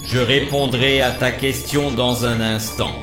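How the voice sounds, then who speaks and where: A man voicing a talking toy robot with artificial intelligence, using a robot voice that is flat and precise and talks in calculations. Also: mid-range voice, unhurried. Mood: logical. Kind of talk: cartoon voice acting. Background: children's music.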